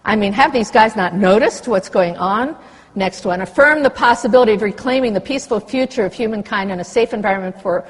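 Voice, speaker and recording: A woman's voice: mid-range voice, breathy edge. Impassioned older woman speaking in a reverberant hall. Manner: impassioned, reads treaty text aloud with asides. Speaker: conference speaker. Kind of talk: conference speech. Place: conference hall. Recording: lecture hall with long reverb.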